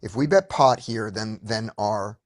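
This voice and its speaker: A man's voice: on the low side, measured pace, no echo. Male study-group coach on a video call, dry sound, explains step by step. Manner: upbeat, explains step by step with frequent restarts. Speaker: poker study group leader. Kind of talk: casual teaching discussion.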